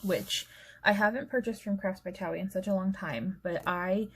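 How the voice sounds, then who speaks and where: A woman's voice: medium pitch, moderate pace, breathy edge. A young woman vlogger chatting casually through a flip-through, rambling with fillers and self-corrections. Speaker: planner vlogger.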